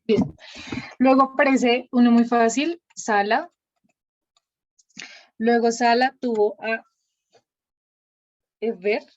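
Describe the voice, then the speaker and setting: A woman's voice: fairly high pitch, fairly even intonation, takes it slowly, pauses often. A woman teaching a Bible class over a video call. She thinks aloud while she writes names on a shared screen. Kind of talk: online class with screen sharing. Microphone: computer mic on a video call. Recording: dull lo-fi video call audio.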